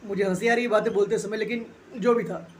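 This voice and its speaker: A man with a high-pitched voice hosts a personal finance video, speaking briskly with fairly even intonation over a slight hiss or hum. He tells a personal story in a chatty, motivational way, mixing in English phrases and addressing viewers as friends.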